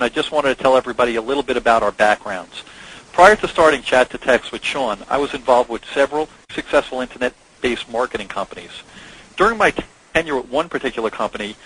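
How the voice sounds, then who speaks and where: On a conference call, a company co-founder hosts a conversational, promotional sales presentation. His mid-range voice has a fairly bright tone, but the audio is poor, with clear background noise.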